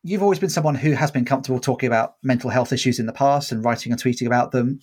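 A man hosting a podcast, leading the talk in a relaxed, conversational way. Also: mid-range voice, very fast, breathy edge. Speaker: podcast host. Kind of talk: casual interview chat.

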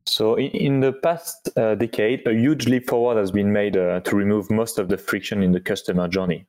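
Low-voiced man explaining haltingly. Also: fairly even intonation, darkish tone. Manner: halting, searching for words, non-native phrasing. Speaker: podcast guest, company product executive. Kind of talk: explanatory interview answers.

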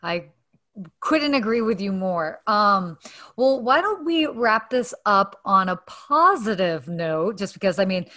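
A woman's voice: medium pitch, lively intonation, unhurried, bright, forceful tone. A young woman hosting a casual interview, talking in a friendly, conversational way with plenty of fillers. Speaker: interview host.

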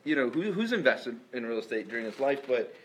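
A man talking quickly and energetically in a casual conversation, telling anecdotes with many restarts. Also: medium pitch, very animated, slight background noise, poor audio.

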